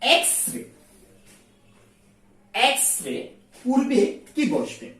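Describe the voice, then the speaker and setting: A woman teaching an English grammar lesson, repeating each sound slowly to drill it. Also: sits high, sing-song, fairly bright tone. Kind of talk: explaining grammar in a video lesson. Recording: echoey room, far from the mic.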